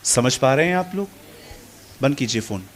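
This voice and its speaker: A man preaching a sermon to a congregation, shifting between quiet asides and loud, animated calls. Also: medium pitch, normal speed, slight background noise. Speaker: pastor. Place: church hall with congregation.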